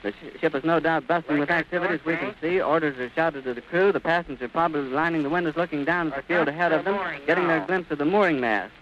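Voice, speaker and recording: A man's voice: on the high side, fast talker, hardly any pauses, a bit bright. A man reporting live as a radio commentator outdoors at an airfield, in a vivid, descriptive old-time announcer delivery. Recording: muffled noisy 1930s archive recording.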